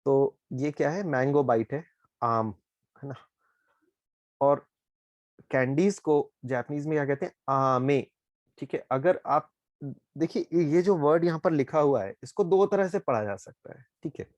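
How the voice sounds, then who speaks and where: A man's voice: on the high side, darkish tone, dry recording, lo-fi sound. Indian man teaching Japanese, dry voice. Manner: explains slowly, checks with "ठीक है?" often. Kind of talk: online class explanation.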